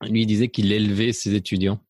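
In a reflective personal interview, a middle-aged Spanish guest speaks about his life, hesitating often with fillers and restarts; his accent is mixed French, slightly Belgian. He talks fast in a lowish, a little mellow voice with little pitch movement, in a dry, studio-quality recording.

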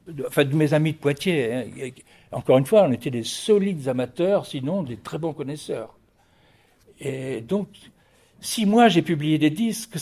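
The guest on this radio interview is a man past fifty who produces records and writes about music; he speaks fervently, with frequent stumbles and repetitions. His voice is medium in pitch, gravelly and slightly mellow.

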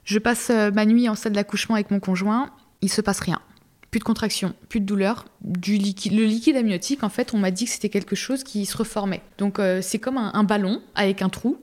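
Young woman, podcast guest, personal testimony, hesitant, lots of fillers, halting and emotional. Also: mid-range voice, steady tone, a little mellow. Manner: hesitant, many fillers and restarts. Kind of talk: personal testimony, casual conversation.

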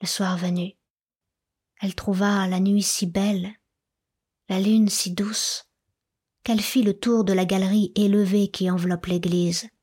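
Breathy woman narrating a classic novel. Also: mid-range voice, steady tone. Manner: soft, measured, often slipping into a whisper. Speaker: audiobook narrator. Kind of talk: literary audiobook narration.

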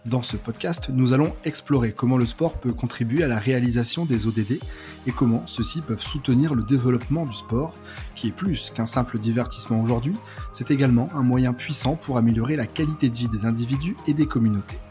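A man's voice: mid-range voice, a little fast, mellow. Man presenting a podcast over faint music. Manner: clear, read-aloud presenting. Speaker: podcast host. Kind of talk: scripted podcast intro and interviewing.

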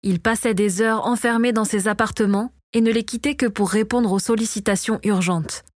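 A woman's voice: medium pitch, normal speed, no room sound, clean studio sound. Woman narrating a fantasy audiobook. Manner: steady, even storytelling read. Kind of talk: scripted narration.

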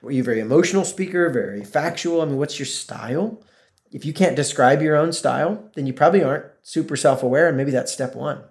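A man's voice: on the high side, fast. A middle-aged man hosting a solo podcast in a casual way, often acting out quoted voices of friends. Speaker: podcast host.

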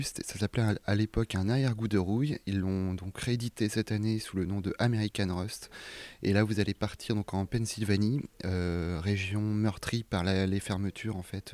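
Chatty man bookseller with a low voice. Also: darkish tone, no room sound. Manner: chatty, hesitant, self-mocking. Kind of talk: casual book recommendation.

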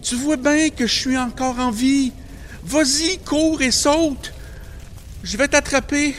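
A man voicing a panicked schoolboy in a storybook recording, shrill and pleading. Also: steady tone, slow pace, a bit bright, a little hiss or hum, exaggerated voice. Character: panicked schoolboy, the narrator as a child.

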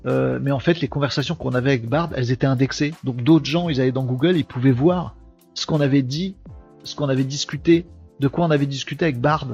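A man's voice: mid-range voice, fast, darkish tone, breathy edge, highs cut off, faint music behind. A man from France hosting a daily live webinar, chatting casually, joking and rambling as he reads viewers' comments aloud. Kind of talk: casual live-stream chat.

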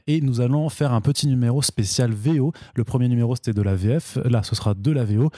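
A man hosts a podcast in a relaxed, chatty way, often stopping on fillers and restarting his sentences. His voice is mellow and warm, recorded close and dry with no room sound. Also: medium pitch, fast, dry recording. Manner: hesitant, lots of fillers and restarts. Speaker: podcast host. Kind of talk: casual podcast chat.

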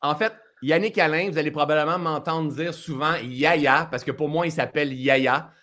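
A man's voice: fairly high pitch, moderate pace, sharp tone. Québécois guy hosting a live stream, chatty, likes to tease, video call sound. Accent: Québécois French. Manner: chatty, teasing. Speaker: host. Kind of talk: live-streamed casual interview.

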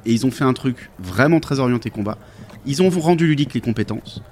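A man's voice: medium pitch, expressive, a little fast, a little mellow, slight background noise. A man talking casually about tabletop role-playing games, thoughtful and hesitant with many fillers.

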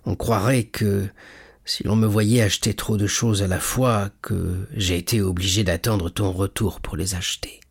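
A man reading an audiobook, voicing a frail, gentle elderly father who speaks in a weak, hushed, sighing way. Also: on the low side, steady tone, normal speed, gravelly, slightly rough. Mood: gently reasoning. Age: older. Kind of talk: audiobook character voice.

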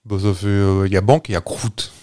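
A man's voice: lowish voice, steady tone, fast, warm tone. A man hosting a casual podcast chat, hesitant with fillers, teasing out clues. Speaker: podcast host running a quiz. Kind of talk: casual chat, guessing game.

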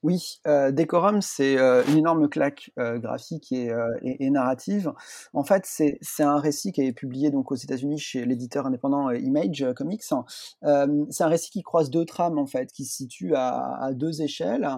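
A man's voice: medium pitch, moderate pace, vocal fry, mellow, no echo, clean studio sound. Stammering man recommending comics. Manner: stammering restarts. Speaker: comics reviewer. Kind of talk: casual radio chat.

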